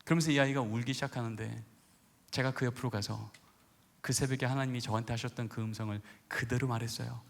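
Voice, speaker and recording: A middle-aged man preaching a sermon, telling a hushed personal story that builds into fervent exhortation. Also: medium pitch, steady tone, fast, creaky. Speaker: guest preacher, professor. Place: large church sanctuary. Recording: church hall reverb.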